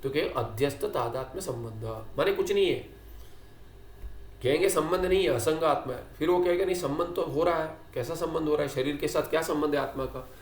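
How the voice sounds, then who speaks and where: Male teacher, scripture lecture, slow Sanskrit quotes, fairly high voice, roomy echo. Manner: explains with questions and acted-out dialogues; quotes Sanskrit text slowly. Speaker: Vedanta teacher.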